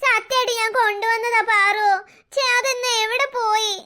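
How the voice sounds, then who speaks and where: A woman's voice: very high-pitched, fairly even intonation, normal speed, bright, forceful tone. A woman voicing a worried older sister in a cartoon, whining about something lost. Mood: upset. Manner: whiny, fretful.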